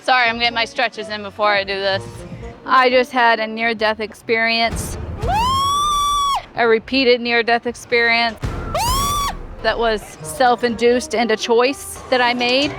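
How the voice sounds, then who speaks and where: A woman vlogger talks in a casual, self-mocking way, her voice sitting a little high. She chats excitably as a mother on a family trip. Music plays clearly beneath her. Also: unhurried, pauses often. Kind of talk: casual travel vlog chat. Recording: background music under voice.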